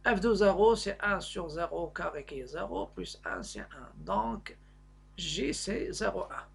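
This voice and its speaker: Man, maths teacher, high-set voice, gravelly fry, halting step-by-step explanation. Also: sing-song, fairly bright tone. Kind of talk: explaining a worked maths lesson.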